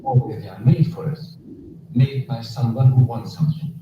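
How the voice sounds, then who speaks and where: Old-film casting: earnest, halting man, dull distant audio, roomy and noisy. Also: mid-range voice. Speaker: bystander in an old film clip. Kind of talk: 1940s film acting.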